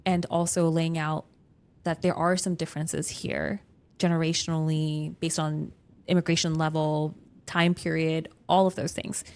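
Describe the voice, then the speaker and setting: A woman hosting a therapy podcast, explaining things conversationally in a calm, affirming way with emphasis on key words. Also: low voice, unhurried, smooth.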